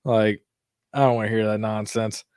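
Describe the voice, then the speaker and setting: A man from Kentucky, a guest co-host, talking politics in an animated, casual way with lots of fillers. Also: fairly low pitch, moderate pace, clear, resonant tone, dry recording, studio quality. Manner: animated, conversational, frequent fillers.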